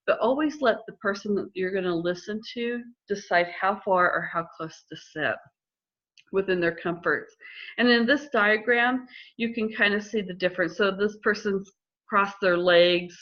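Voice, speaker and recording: A middle-aged woman counselor explaining listening skills in a calm, measured way during a conversation. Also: medium pitch. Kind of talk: instructive conversation. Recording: slightly dull lo-fi audio.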